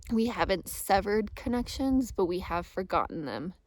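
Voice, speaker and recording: A woman giving a calm, earnest grounding meditation talk as a guide, speaking deliberately with pauses and repeated phrases. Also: mid-range voice, no echo. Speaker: meditation guide and practice host.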